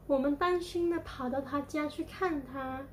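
A woman's voice: high-pitched, moderate pace, slight background noise, lightly acted. A woman voicing an indignant young boy in a children's story, speaking bluntly and accusingly. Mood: complaining. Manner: scolding, accusing.

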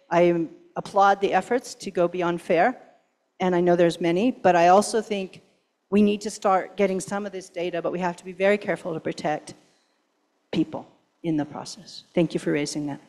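A woman's voice: on the low side, fairly even intonation, moderate pace, darkish tone. A woman giving a conference keynote and answering questions, emphatic and urgent, often posing rhetorical questions. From Pacific Northwest, US. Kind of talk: conference talk and Q&A.

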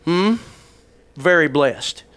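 A man's voice: fairly high pitch, drawn-out words, clear, resonant tone. A man, preaching a folksy sermon in a church sanctuary on a headset mic, calling out to the congregation. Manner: folksy, calls on the congregation, rises to loud preaching; paces the stage, gesturing. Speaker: pastor. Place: large church sanctuary stage.

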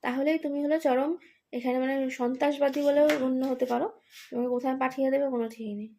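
A woman's voice: high-pitched, fairly even intonation, fast, dark tone, slight background noise. A woman, tired, rambling through an exasperated casual vlog monologue with many fillers. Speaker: vlogger, daughter caring for her ill father.

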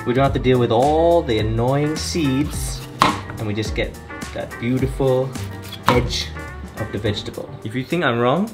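A young man gives a casual cooking demonstration in a small home kitchen, explaining each step to viewers in a playful, jokey way. His partner holds the camera close as he talks in a mid-range voice at a moderate pace, with background music playing over him.

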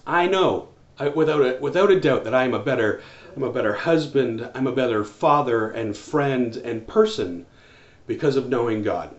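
A man's voice: medium pitch, expressive, normal speed. A man in his forties preaching a home church sermon to camera, earnest, with many restarts and fillers. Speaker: pastor. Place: small room with wall shelves, indoors. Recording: roomy, slightly dull sound.

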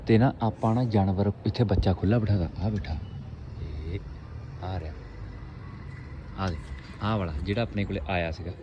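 Speaking at normal speed with frequent pauses, a low-pitched man in a steady tone chats to viewers like mates. It's a rustic, casual pigeon-keeping vlog shot on a rooftop at home, and the dull audio has birds and noisy outdoor ambience in the background.

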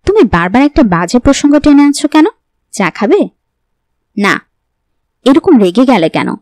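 A woman's voice: high voice, sing-song, normal speed, a little mellow, no room sound. A woman voicing a young pregnant wife who is oddly cheerful. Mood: cheerful, teasing.

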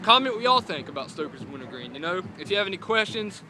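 A man's voice: high voice, very animated, fast, background noise. A young man with a Southern US accent talks with a lip full of dip, giving a casual, rambling, profane review outdoors. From North Carolina, USA. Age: young adult. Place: outdoors in a rural yard by parked vehicles. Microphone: camera set on a car, about a meter away.

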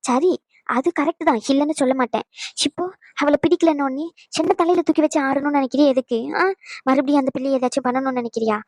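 A stern old grandmother in a cartoon family drama, played by a woman with a high voice that moves quickly through her lecture. She sounds steady and reproachful. The sound is close and dry. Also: no room sound, natural voice. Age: older. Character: elderly grandmother, calm, firm, leaving home. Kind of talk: cartoon voice acting.

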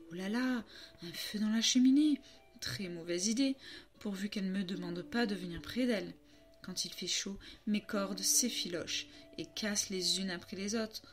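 A French woman reading a children's story aloud, narrating as a timid harp in a playful, expressive way. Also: medium pitch.

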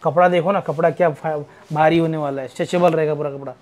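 High-voiced Indian man hosting a shopping vlog. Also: fairly even intonation, fast, darkish tone. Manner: urging viewers, echoing and affirming the seller. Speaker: video host promoting a shop. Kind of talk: promotional vlog commentary. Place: small clothing showroom, behind the camera.

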